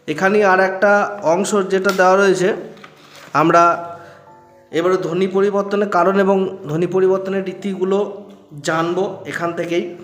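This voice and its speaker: A man's voice: high voice, steady tone, unhurried, long pauses, a bit bright. A male teacher with a Bengali accent from West Bengal, giving a grammar lesson to students and explaining with everyday examples and questions. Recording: echoey room with faint music.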